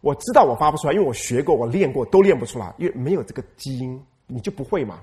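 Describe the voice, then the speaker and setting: A man's voice: medium pitch, sing-song, racing, darkish tone. A man, a pastor giving a sermon who stresses points by repeating phrases and asks the congregation questions. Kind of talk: lively sermon.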